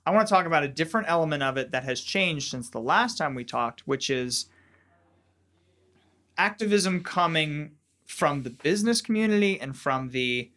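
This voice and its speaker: A man's voice: on the high side, animated, moderate pace, a bit bright. A man hosting a casual political podcast panel, talking things through with fillers. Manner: conversational, thinking aloud with filler words. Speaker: podcast host.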